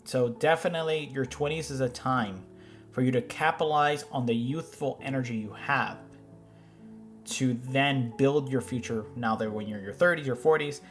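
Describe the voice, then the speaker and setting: A man's voice: medium pitch, moderate pace, faint music behind. Man in his thirties, casual commentary. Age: 30s. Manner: rambling, with frequent restarts and fillers. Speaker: host reacting to finance videos.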